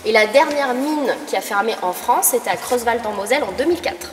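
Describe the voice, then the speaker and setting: In an indoor mining museum hall, a tired guide fighting a cold explains things to her tour group and tests them with questions. Her fairly high voice is lively and fairly quick, picked up from a distance by a far camera amid echo and noise.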